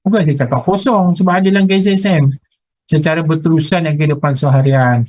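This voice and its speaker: A lively, high-voiced middle-aged man with a Malaysian Malay accent lectures a class online. He jokes with his students and keeps firing questions at them. The sound is dry and close. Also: fast talker, no echo, poor audio. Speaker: university lecturer.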